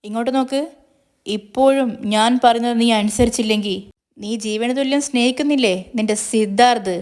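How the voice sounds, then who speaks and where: This woman takes on the role of a menacing male kidnapper who gloats, mocks, and threatens over the phone in a taunting way. Her voice is on the high side with a darkish tone, she talks a little fast, and the acting is light.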